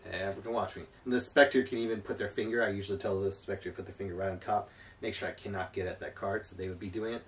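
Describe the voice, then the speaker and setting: A man performing a card trick as a magician, talking through it to camera with theatrical, drawn-out showman phrasing. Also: lowish voice, steady tone. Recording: distant mic, clear background noise.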